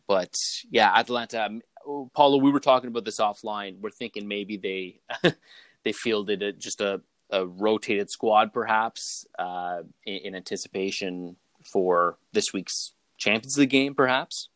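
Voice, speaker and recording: A young man from Canada hosting a laid-back podcast, his voice pitched low and deep. He talks loosely and rambles, filling pauses with ums and uhs. The recording sounds dry and close. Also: no room sound. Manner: relaxed, rambling with many fillers. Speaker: podcast host. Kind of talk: casual chat.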